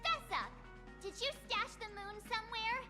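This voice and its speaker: A woman's voice: very high-pitched, normal speed, bright, forceful tone, in a large hall. A woman voicing a spirited young woman adventurer who talks in a brash, teasing way, in game audio with music underneath.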